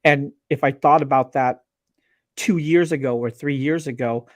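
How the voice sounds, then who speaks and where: An earnest man speaks as a guest on a live stream, animated and quick to restart his sentences. His voice sits at an ordinary middle pitch, and the sound is close and dry with no room echo, as over a video call. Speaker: guest, laser business owner. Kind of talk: casual live-stream interview.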